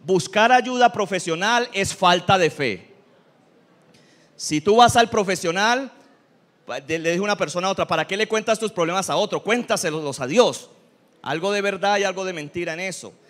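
A pastor delivers a lively sermon, mixing humor with earnest teaching. His voice sits notably high for a man. He keeps the congregation engaged with questions and jokes. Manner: humorous, animated preaching with audience questions.

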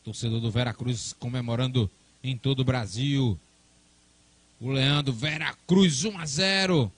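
A man's voice: mid-range voice, a little slow. A man calling a football match live in a chatty, colloquial way. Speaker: football play-by-play commentator.

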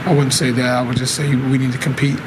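A man in his thirties, a basketball player giving short, low-key answers at a postgame press conference into a table mic. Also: flat delivery, quick pace, background noise. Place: press conference room in front of a sponsor backdrop. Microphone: table microphone in front of him.

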